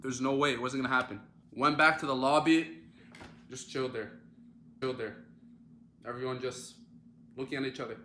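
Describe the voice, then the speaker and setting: A young man from Canada tells a story in a casual vlog, animated and dramatic, with plenty of fillers. His voice is bright and forceful. The room leaves a noticeable echo. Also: medium pitch, normal speed, pauses often, slight background noise. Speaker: social media creator.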